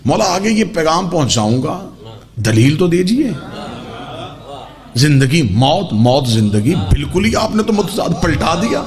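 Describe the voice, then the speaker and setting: A preacher quoting an earnest male pupil who asks questions in a lower, pleading voice. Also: sing-song, soft background music.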